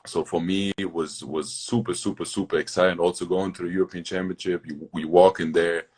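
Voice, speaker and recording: Deep-voiced young man in broken English. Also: fairly even intonation, a little mellow, slightly rough. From Germany. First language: German. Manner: speaks fast in broken English, loose grammar. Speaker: basketball player guest. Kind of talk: casual interview storytelling.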